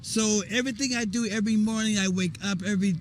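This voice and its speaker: A man, an actor, chatting excitedly and rambling in a casual outdoor interview at a volunteer event. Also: high-pitched, fast, slight background noise. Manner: excited, rambling, spells things out. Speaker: actor guest.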